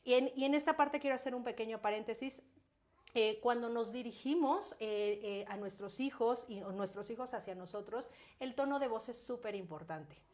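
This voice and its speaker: Animated woman, higher voice. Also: normal speed. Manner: animated, acts out scolding parents and children in quoted voices. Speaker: parenting specialist guest. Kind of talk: casual conversational interview.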